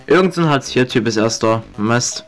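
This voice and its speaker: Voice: medium pitch, animated, moderate pace, soft background music. A gamer, griping sarcastically and swearing while chatting with a friend during a match. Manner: sarcastic, foul-mouthed griping. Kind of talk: gaming commentary, casual chat with a friend.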